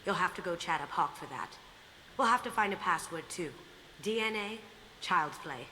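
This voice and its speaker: Low, sly, cocky game thief, clear hiss of background noise. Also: female voice, animated, moderate pace, rough recording. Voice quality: confident, sly, softly spoken. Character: cocky, playful female master thief. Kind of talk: video game dialogue.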